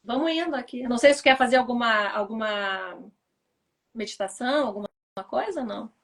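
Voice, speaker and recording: A woman's voice: a little high, fairly quick. A woman, a therapist chatting casually on a live stream and acting out the lines of the people in her stories. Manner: animated storytelling, acts out quoted dialogue. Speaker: therapist and mentor.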